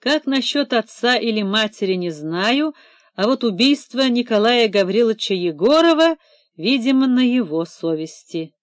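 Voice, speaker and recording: A woman reading an audiobook, voicing a calm, firm young male police detective who speaks in a measured, curt, official way. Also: on the high side, no echo, close to an everyday voice.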